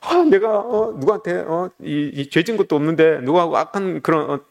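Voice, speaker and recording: A man's voice: a little high, a little fast, gravelly. A man voicing an elderly church deaconess who pleads in a frantic, emotional way. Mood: alarmed.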